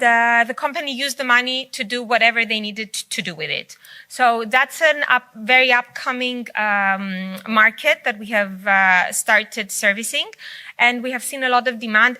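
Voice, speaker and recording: In a conference hall, a woman whose native language is Greek delivers an unscripted keynote presentation. Her voice sits on the high side with a sharp tone and a moderate pace, and she uses frequent fillers and restarts.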